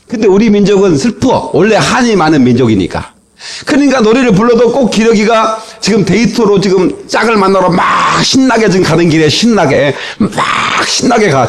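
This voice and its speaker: A man preaching a sermon as pastor, telling stories with lively asides and sudden shouted exclamations, heard from an old cassette tape. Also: high voice, slightly rough. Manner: animated storytelling with shouted exclamations.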